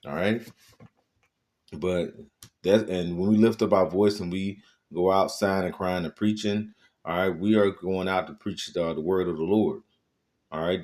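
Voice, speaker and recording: A man's voice: low-pitched, a little mellow. A man preaching a sermon, reading scripture and stressing points with frequent "all right" and many filler sounds.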